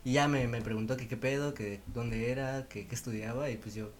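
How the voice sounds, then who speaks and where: A man's voice: medium pitch, brisk, a little hiss or hum. Young Mexican man telling a story. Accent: Mexican Spanish. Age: young adult. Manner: slangy storyteller, animated when joking. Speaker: podcast co-host. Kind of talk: casual chat.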